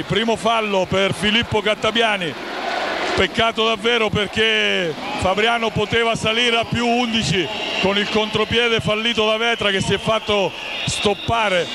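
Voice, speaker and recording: High-pitched male basketball commentator over loud arena noise. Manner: excited, raising voice on shots and baskets. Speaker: sports commentator. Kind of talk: live TV basketball play-by-play commentary in Italian. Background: sports hall ambience, bouncing ball.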